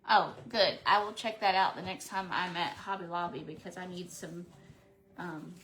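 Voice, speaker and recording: A woman's voice: lowish voice, fairly even intonation, moderate pace, fairly bright tone. Woman in her 40s rambling while she crafts, noisy home video. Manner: chatty, rambling, talks to herself as she works. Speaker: craft vlogger. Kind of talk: casual chat while painting.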